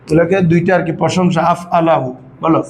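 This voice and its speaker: A man's voice: fairly high pitch, fairly even intonation, quick pace, a little hiss or hum, low-quality recording. A man teaching Arabic grammar to a class, often quizzing his students and calling them "baba". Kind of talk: classroom lesson.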